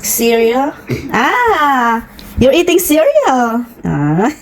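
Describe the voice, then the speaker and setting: A woman's voice: sits high, huge pitch swings, extremely slow. A woman with a Filipino accent chatting with her young children in a casual home vlog, playful and coaxing. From Philippines. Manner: playful, coaxing, sing-song with small kids. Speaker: vlogger and mother. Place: family home, indoors. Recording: noisy home recording.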